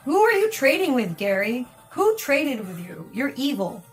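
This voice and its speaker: A woman's voice: sits high, very animated, moderate pace. A woman casually chatting and teasing while watching a video game being played. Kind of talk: casual gameplay chat. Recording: faint game music behind.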